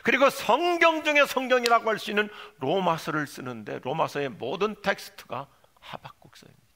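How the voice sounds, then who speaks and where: A male pastor delivers a sermon in a church. His voice sits high and carries a gravelly edge, and it has a bright, forceful ring. He sinks into low, quiet asides, then climbs to loud, pleading cries. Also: lively intonation, brisk. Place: church sanctuary.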